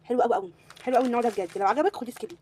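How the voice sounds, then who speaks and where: A woman's voice: on the high side, racing, mellow. A young woman with an Egyptian Arabic accent, gushing through a casual beauty product review and repeating words for emphasis. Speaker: beauty vlogger.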